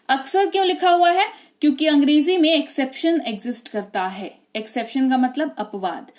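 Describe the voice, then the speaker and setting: An Indian-accented woman teaching English spelling rules, chatty and often checking in with tag questions. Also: a little high. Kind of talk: spelling lesson explaining rules.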